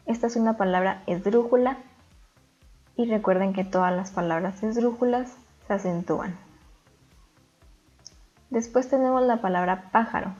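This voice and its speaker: A woman teacher explaining a lesson calmly and step by step in a voice-over. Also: medium pitch, muffled recording. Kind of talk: recorded grammar lesson.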